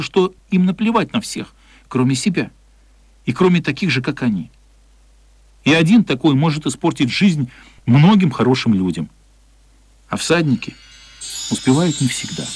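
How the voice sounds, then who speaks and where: An actor playing a thoughtful storyteller, narrating a children's radio play in an expressive, reflective way. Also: male voice, fairly high pitch, breathy edge, no room sound. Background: music.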